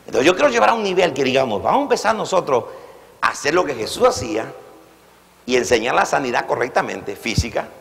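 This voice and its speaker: A man's voice: mid-range voice, big pitch swings, quick pace, vocal fry, a bit bright, long reverb tail. A man preaching a sermon, throwing questions to the congregation and having them repeat after him. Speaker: pastor.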